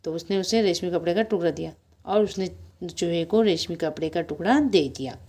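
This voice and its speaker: Slow-reading teacher woman, slightly low voice. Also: a little mellow. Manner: slow, repeating, asks the class questions. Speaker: primary school teacher. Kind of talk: storybook lesson reading with explanations.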